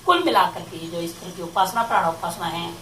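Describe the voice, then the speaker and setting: A woman's voice: on the low side, expressive, brisk, sharp tone, a little hiss or hum. A woman, a spiritual teacher, giving a scripture commentary lecture, explaining Sanskrit phrases line by line and asking rhetorical questions. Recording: echoey room, far from the mic.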